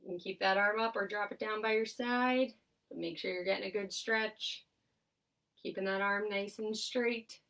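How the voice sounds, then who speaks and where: A young woman who works as an occupational therapist leads a seated exercise class, calling out upbeat cues and steady countdowns. Her mid-range voice sounds nasal and stuffed up, and she speaks at a moderate pace. The mic is distant and the audio quality is poor.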